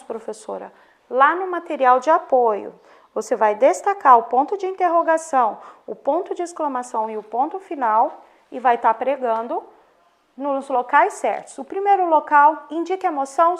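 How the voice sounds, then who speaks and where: A woman with a Brazilian accent, a primary school teacher giving a recorded lesson to young children, speaking slowly and stressing her intonation clearly. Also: high voice. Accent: Brazilian Portuguese.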